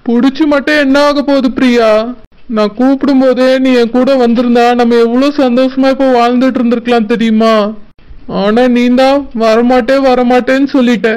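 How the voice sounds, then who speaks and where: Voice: medium pitch, level tone, normal speed, a little mellow, clean tone, natural voice, low-quality recording. A voice actor playing a deceitful young man in a cartoon who sweet-talks his girlfriend and sneers at her in asides. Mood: sweet-talking. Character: deceitful young man, two-faced lover. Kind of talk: cartoon voice acting.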